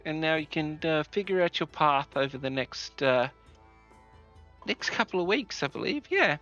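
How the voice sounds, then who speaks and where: A man's voice: a little high, moderate pace. A man serving as game master, chatting casually and jokingly with his players and swearing freely. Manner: relaxed, jokey, swears casually. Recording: dry, slightly dull, faint music.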